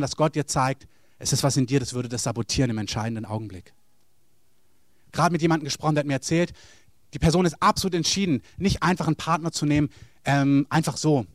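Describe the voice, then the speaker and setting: A man's voice: fairly high pitch, no echo, studio quality. A man preaching a sermon, speaking earnestly and addressing the listeners directly.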